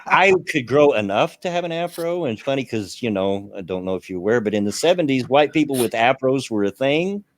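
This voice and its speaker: A man in his fifties hosts a casual livestream from home, rambling as he reads viewers' messages aloud. His voice sits at an ordinary middle pitch, and the recording is dry, with no room sound. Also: animated, fairly quick, hardly any pauses, no room sound. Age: 50s. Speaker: stream host. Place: home, on a laptop camera.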